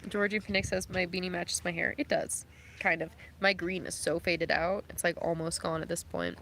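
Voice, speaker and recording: A woman's voice: on the low side, fairly even intonation, moderate pace, creaky, fairly bright tone. Chatty young woman live-streaming outdoors. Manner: chatty, filler-heavy, reads chat comments aloud. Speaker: livestreamer. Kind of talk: casual live-stream chat. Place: outdoors near passing vehicles. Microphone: phone held close. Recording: phone recording with outdoor noise.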